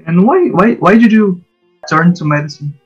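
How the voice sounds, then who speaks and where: A man interviewing a guest, asking questions hesitantly with many pauses and restarts. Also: high-pitched, expressive, muffled recording, soft background music.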